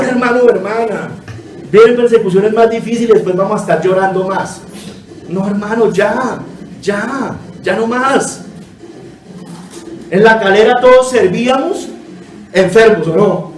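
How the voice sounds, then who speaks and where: A man delivers a sermon as pastor, pleading earnestly and addressing his congregation as brothers and sisters. His voice sits high for a man. The sound is roomy and echoing, caught from some distance from the mic. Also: normal speed, a little hiss or hum. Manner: earnest exhortation, constantly calling listeners brother. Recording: echoey room, voice from a distance.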